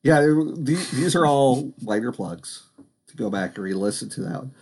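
Husky-voiced male podcast co-host. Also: mid-range voice, expressive, moderate pace, a little mellow. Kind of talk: casual chat.

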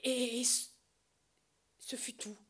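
A woman narrating a novel as an audiobook, measured and dropping soft at the ends of phrases. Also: on the high side, little pitch movement.

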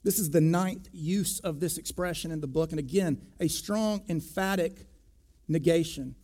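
A pastor preaching a sermon, deliberate and emphatic, pressing hard on key words. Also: male voice, a little high, darkish tone.

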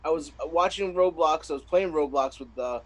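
Male podcast co-host, a touch high-pitched, loose rambling storyteller who laughs a lot. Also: moderate pace, rough recording. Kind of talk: casual banter on a comedy podcast. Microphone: remote call.

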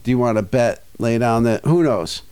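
A man with a smooth, resonant voice chats on a podcast. He rambles through stories and breaks into little acted asides along the way. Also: medium pitch, lively intonation, normal speed, a little mellow. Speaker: podcast co-host. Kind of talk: casual chat.

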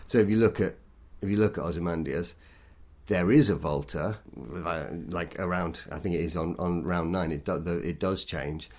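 A man, a poet, talking thoughtfully and self-deprecatingly in an interview, in a halting way. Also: deep voice, darkish tone. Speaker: poet guest. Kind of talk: interview conversation.

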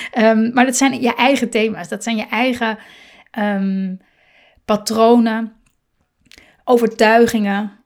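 A middle-aged woman hosting a parenting podcast, talking calmly and reflectively, pausing with many fillers and questions to herself. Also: medium pitch. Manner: calm, hesitant, many fillers and self-questions.

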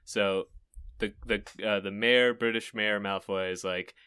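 A man co-hosting an improv comedy podcast, pitching scenes with deadpan asides. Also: unhurried, clean tone, no echo, studio quality. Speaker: podcast co-host. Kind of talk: casual improv podcast chat.

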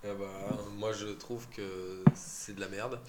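A man's voice: lowish voice, fairly even intonation, slow, heavy background noise. A man on a casual football panel, giving blunt, plain-spoken opinions.

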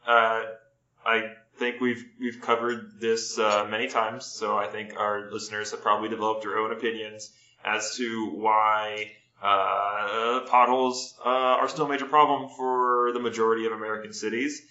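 A man's voice: lowish voice, little pitch movement, moderate pace, pushed and bright, highs cut off. A man co-hosting a casual podcast, telling a story in a laid-back way, recorded on a laptop mic with a lot of room echo. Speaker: podcast co-host. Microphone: built-in laptop mic.

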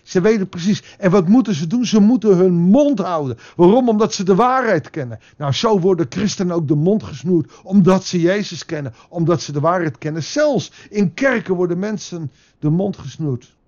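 A man's voice: sits high, animated, moderate pace. Impassioned man preaching, dull lo-fi sound. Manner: impassioned, rising to emphatic peaks, then hushed in prayer. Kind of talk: devotional sermon with prayer.

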